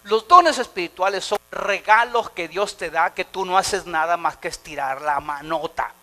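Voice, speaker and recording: A male pastor preaching a sermon, animated, calling the congregation to repeat after him and acting out quoted voices. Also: sits high, moderate pace. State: anxious, fast talker. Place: church service.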